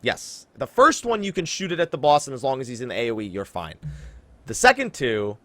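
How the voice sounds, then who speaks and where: A man with a mid-range, slightly bright voice hosts a casual gaming podcast, speaking briskly and very animatedly with no echo. He talks emphatically and straight to listeners, hyping things up.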